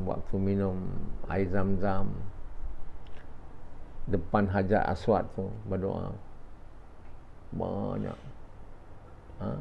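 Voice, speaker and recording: A man with a low, gravelly voice gives an after-dawn religious lecture in a house in a residential area, often questioning the audience and peppering his speech with short "ha" interjections. The recording is dull and lo-fi, with a little hiss or hum.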